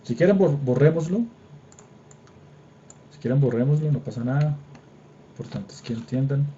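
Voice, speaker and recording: A man's voice: medium pitch, normal speed, warm tone, a little hiss or hum. A young man with a Colombian accent teaching an online engineering drawing class, informal and patient, often checking whether his students are following. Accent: Colombian Spanish. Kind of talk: online class lecture with screen demo. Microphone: computer mic on a video call. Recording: slightly dull video call audio.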